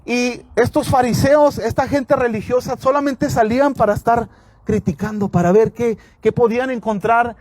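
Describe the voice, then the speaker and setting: A man's voice: very high voice, steady tone, moderate pace, darkish tone. A man preaching a sermon outdoors, reading scripture aloud and earnestly calling his listeners brothers. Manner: earnest, calls listeners "hermanos", frequent amén.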